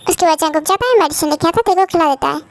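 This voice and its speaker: A woman's voice: very high-pitched, rapid-fire. A woman narrating an amateur fan story in a plain, matter-of-fact way.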